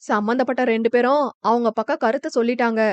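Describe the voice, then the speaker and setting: A woman's voice: on the high side, fairly even intonation, fairly quick, dry recording, close to an everyday voice. A stern older village headman calling the council to order, as a woman reader puts him on. He speaks in a curt, commanding way. The recording is dull.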